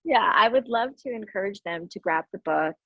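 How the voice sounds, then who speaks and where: A woman's voice: mid-range voice, animated, moderate pace, gravelly, lo-fi sound. A woman guest on a podcast call, talking casually, laughing often and saying "like" a lot. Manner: warm, laughing, uses "like" a lot. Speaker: guest author and coach. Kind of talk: casual interview chat. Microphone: video call.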